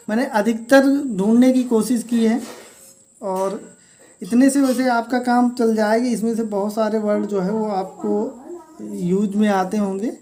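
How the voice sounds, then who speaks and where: A woman's voice: medium pitch, mellow. Woman teaching English words. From India. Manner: spells words letter by letter, then explains them slowly. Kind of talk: classroom vocabulary lesson.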